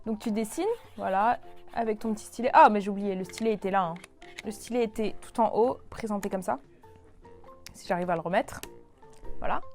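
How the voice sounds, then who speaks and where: A young woman chats to her viewers as she shows off a toy, stopping and restarting her sentences with plenty of fillers. Her voice sits at a middle pitch. Soft music plays faintly underneath. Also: fairly quick, pauses often. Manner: chatty, lots of fillers and restarts. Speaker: toy review YouTuber. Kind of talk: casual presenting to the camera.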